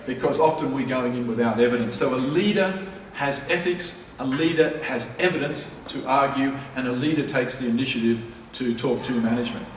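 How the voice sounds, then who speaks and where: In a large university lecture hall, a professor lectures the public at a moderate pace with few pauses, his mid-range voice a bit bright. He argues emphatically and persuasively, repeating key phrases for emphasis, and the distant mic yields an echoey sound with faint noise.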